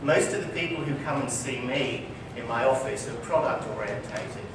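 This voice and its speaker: Speaking at a normal speed with a medium-pitched, expressive voice, the doctor responds to interview questions onstage at a conference. His delivery is emphatic and articulate, circling back to key points, while the hall's echo, distant miking and audience noise color the sound.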